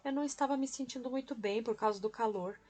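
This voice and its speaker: A woman's voice: fairly high pitch, quick pace, darkish tone, voice pushed up, natural voice. A woman reading the lines of a stubborn, irritable young woman in an audiobook. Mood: shaken. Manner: sulky, defensive.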